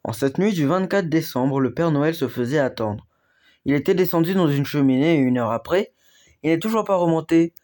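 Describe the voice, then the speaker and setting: A young man reading a Christmas story aloud, lively and expressive, dropping into quick character voices. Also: a little high.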